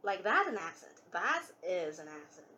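This young streamer, not a native English speaker, rambles and giggles while chatting and reading viewer comments, frequently correcting herself and restarting. Her fairly low voice is very animated, sharp-toned, and slightly rough at normal speed, with the highs cut off.

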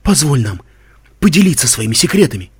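A man voicing ancient magic glyphs that coax and tempt in a whisper-like tone, with a husky voice. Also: mid-range voice, big pitch swings, a little fast, no room sound. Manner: whispering, coaxing.

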